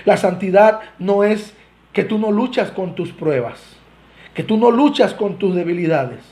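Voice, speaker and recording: A Costa Rican man preaches with a notably high voice, pressing his points and speaking straight to the congregation. His delivery swells and drops as he stresses each call to holiness. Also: a little slow, dark tone. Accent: Costa Rican Spanish. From Costa Rica. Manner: earnest preaching, rising and falling emphasis, direct address to the congregation. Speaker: pastor. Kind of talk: sermon.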